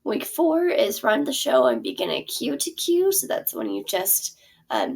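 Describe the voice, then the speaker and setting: A young adult woman who teaches theater and creates curricula walks through her course plan casually, with a low, creaky voice. Her chatty product walkthrough is full of ums and self-corrections.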